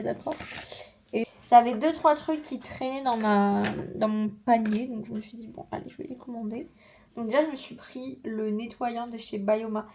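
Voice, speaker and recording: Young woman, casual vlog chat, chatty and slangy, slightly high voice. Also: a little hiss or hum. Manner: chatty, slangy, animated asides. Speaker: vlogger.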